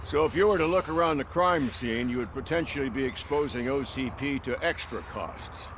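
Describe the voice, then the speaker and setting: A man's voice: medium pitch, moderate pace, noisy background, close to an everyday voice. A man playing a world-weary, matter-of-fact police officer with a wry manner in a video game.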